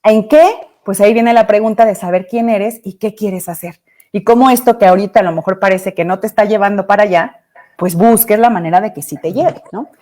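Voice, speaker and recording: A woman speaking on an online panel. She is emphatic and rattles off quick lists of commands. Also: mid-range voice, dark tone. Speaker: panelist, teacher and writer.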